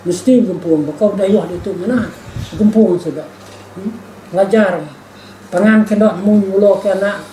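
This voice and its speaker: In a high, mellow voice at a measured pace, an older interviewee reflects informally and emphatically. He tends to repeat himself and add questioning tags, and the recording has a roomy echo and faint background noise.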